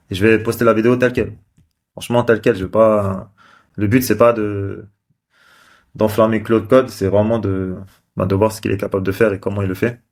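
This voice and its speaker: Chatty French-speaking man thinking aloud. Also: lowish voice. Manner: chatty, thinks aloud with many fillers and restarts. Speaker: developer live-coding host. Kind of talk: casual screen-share commentary.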